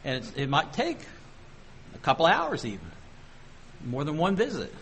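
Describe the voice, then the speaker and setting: A man preaching a sermon, asking the congregation questions and slowing down to read scripture aloud. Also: a little high, wildly swooping pitch, a bit bright, a little hiss or hum. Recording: long hall reverb.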